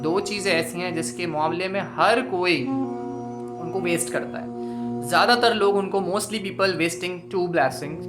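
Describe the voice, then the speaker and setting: Man, Pakistani Urdu accent, emphatic religious teacher, slightly high voice, loud music behind. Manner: earnest, emphatic, mixing English phrases into his talk. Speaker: Islamic speaker addressing his students. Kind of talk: motivational religious talk.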